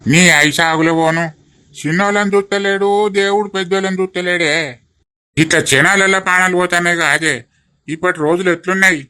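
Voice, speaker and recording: A man plays an old village grandfather in a cartoon, scolding and sympathizing at once. His voice sits high and bright, and it is recorded dry and close. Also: steady tone, fairly quick, clear, resonant tone, no room sound. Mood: concerned. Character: elderly village grandfather, concerned and advising. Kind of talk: cartoon voice acting.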